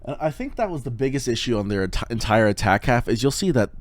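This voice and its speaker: Lively young man breaking down esports play. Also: medium pitch, fast. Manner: lively, conversational, swears casually. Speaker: esports analyst. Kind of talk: casual game analysis commentary.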